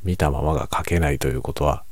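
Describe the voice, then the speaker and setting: A middle-aged man chatting quietly late at night over a drink, in a hushed, unhurried, musing and self-deprecating way. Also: rumbling low, no room sound. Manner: relaxed monologue while drinking alcohol. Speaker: streamer.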